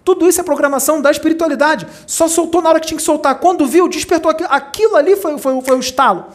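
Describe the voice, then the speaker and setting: A spiritual teacher gives a talk to a small group, telling stories animatedly and acting out the voices of the people in them with big jumps in pitch. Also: fast. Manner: animated storyteller, acts out quoted voices with big pitch leaps.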